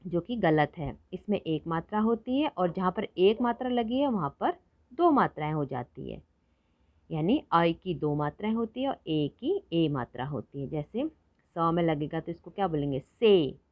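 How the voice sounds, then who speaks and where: A woman teaching children to read, explaining quickly and then drawing out each word slowly so they can repeat it. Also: on the low side, sing-song, no echo. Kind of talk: Hindi phonics lesson for children. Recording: dull lo-fi recording.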